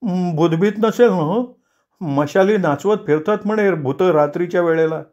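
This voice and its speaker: Casting: man playing a nervous clerk in a storybook reading, high fretful whine. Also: moderate pace, a little mellow, dull audio, natural voice.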